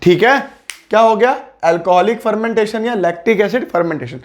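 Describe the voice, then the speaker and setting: A man's voice: sits high, a little fast. A young man teaching biology for exam prep, friendly and coaxing. He repeats key terms and asks and answers his own questions.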